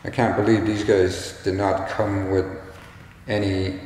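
A man giving a casual, unscripted do-it-yourself demonstration in a halting, tentative way, with a strong canyon-like echo in a bare room. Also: fairly low pitch, flat delivery, darkish tone. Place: bare, echoey indoor room. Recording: strong echo, hollow reverberant room, faint noise.

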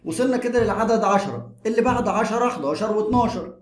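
Egyptian male grammar teacher, brisk and high-pitched, drills rules, echoey room. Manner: lively, repeats and drills rules. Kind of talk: explanatory grammar lesson.

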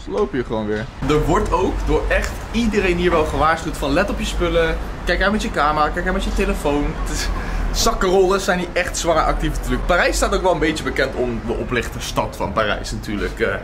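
A man's voice: fairly high pitch, animated, fairly quick. A man in his twenties with a Netherlands Dutch accent, chatting casually to his vlog camera in an informal way, repeating short phrases. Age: 20s. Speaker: vlogger. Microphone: handheld camera at arm's length. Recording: clear background noise, traffic ambience.

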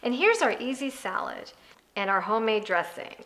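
She sounds very animated, with a fairly high pitch and a moderate pace, though the recording is very noisy. An American woman in her thirties, she's a cooking show host giving a conversational, step-by-step recipe demonstration in her home kitchen with background music.

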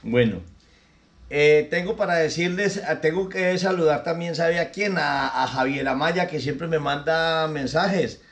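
A man's voice: fairly high pitch, unhurried, fairly bright tone. A man hosting a local show, sending greetings and telling corny jokes he laughs at himself. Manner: chuckles at his own bad jokes. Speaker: host.

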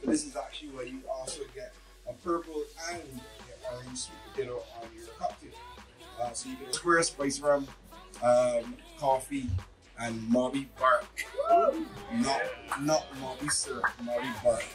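A man's voice: mid-range voice, steady tone, normal speed, far from the mic, rough recording. A man presenting a cocktail to dinner guests, casual and enthusiastic. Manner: casual, enthusiastic, says "right?". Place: outdoor terrace at night. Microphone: handheld mic. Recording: handheld mic from afar, music.

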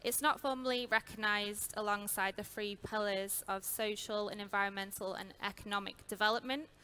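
A woman panelist on a large stage, speaking in an articulate, fluent and measured way with a headset mic. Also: mid-range voice, steady tone, sharp tone, smooth. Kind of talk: panel discussion.

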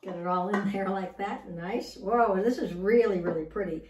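A woman's voice: mid-range voice, fairly even intonation, moderate pace, background noise. A woman hosts a casual cooking demonstration, chatting along and repeating words as she works. She is heard from a distance in an echoey home kitchen. Dishes and pans clatter behind her. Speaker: cooking show host.

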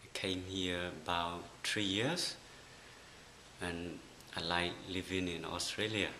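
Slow, deep-voiced young man from Burma. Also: pushed and bright. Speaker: volunteer and student. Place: indoor room, plain wall. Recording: roomy, faint hiss.

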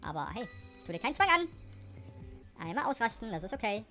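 A gaming YouTuber, a woman, does let's play commentary at a brisk clip, sprinkling in English phrases. She's excitable, shrieking when danger appears, then dropping into low mutters. Faint music plays behind her.

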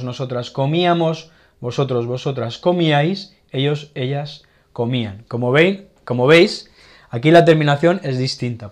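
A man with a Spanish accent explains verb endings in a relaxed, conversational way. His voice sits a little high, and he keeps checking in with his listeners as he goes. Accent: Spanish from Spain. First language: Catalan. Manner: explanatory, checks in with frequent "vale". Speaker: Spanish teacher. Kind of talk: casual grammar lesson.

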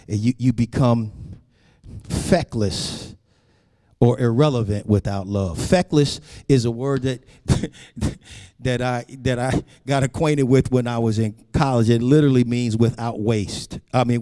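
A man's voice: mid-range voice, fairly even intonation, a little slow, dark tone, clean studio sound. A male pastor preaching a sermon with a preacher's rising cadence, often calling out "Amen" to the congregation. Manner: preacher cadence, rising to a sung, climbing delivery. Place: church sanctuary. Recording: long hall reverb.

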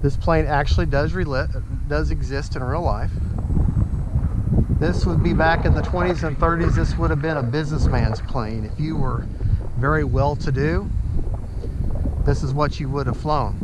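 A man hosting his own channel, chatting casually in a slow drawl while he flies a model plane at an outdoor airfield. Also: on the high side. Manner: slow, relaxed drawl with chuckles. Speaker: RC pilot and channel host. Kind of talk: casual commentary while flying. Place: outdoor airfield runway on a windy day. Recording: loud wind noise on the mic.

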